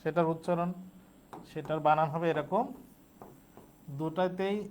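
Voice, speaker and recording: A man's voice: on the high side, fairly even intonation, a little slow, darkish tone, slight background noise. A man teaching a spelling lesson, explaining step by step and answering his own questions.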